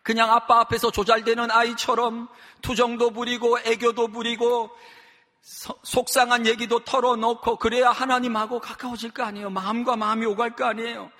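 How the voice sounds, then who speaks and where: A man's voice: very high voice, little pitch movement, moderate pace, sharp tone, big-room sound. A man preaching a conversational sermon as a pastor, acting out prayers and quotes in varied voices.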